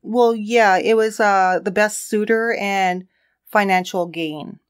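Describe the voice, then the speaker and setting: Telling the case story as co-host of a laid-back true crime podcast, a woman speaks slowly in a clear, resonant, middle-pitched voice. She keeps things relaxed and chatty, with frequent laughter.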